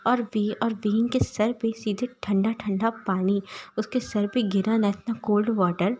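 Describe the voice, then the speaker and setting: A woman's voice: fairly high pitch, darkish tone, husky. A woman casually retelling a fan story in a chatty way, with lots of fillers.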